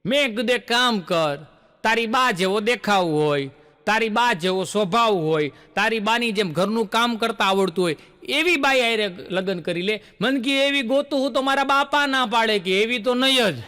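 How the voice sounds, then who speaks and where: A man's voice: sits high, normal speed, pushed and bright, smooth. A male stand-up comedian, telling folksy jokes and acting out the lines of his characters.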